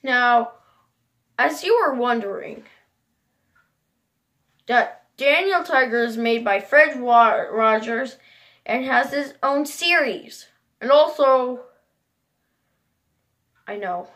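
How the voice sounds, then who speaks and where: Comedic vlog character: a woman doing a jealous eleven-year-old boy, very high, bright voice, rambling and quick to rage. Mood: grumbling.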